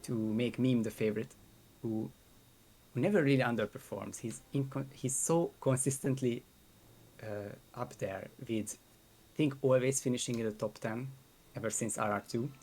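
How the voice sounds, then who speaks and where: Guy with a worn-out voice thinking out loud about predictions, casual stream chat. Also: mid-range voice, moderate pace. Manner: analytical, thinks aloud with restarts. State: voice strained from long talking. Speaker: co-host and commentator.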